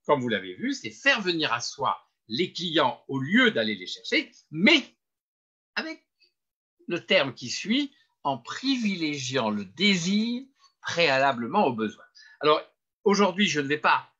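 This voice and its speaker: Speaking in a sharp, medium-pitched voice with a breathy edge, an older man from France presents a webinar on marketing. He lectures with emphasis and self-deprecating humor, and his computer mic gives the recording a muffled, lo-fi quality.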